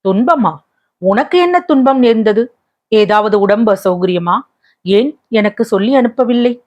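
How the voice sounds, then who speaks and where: A woman's voice: mid-range voice, animated, unhurried, natural voice. A woman voicing a tender, coaxing young prince. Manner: gentle, coaxing questions.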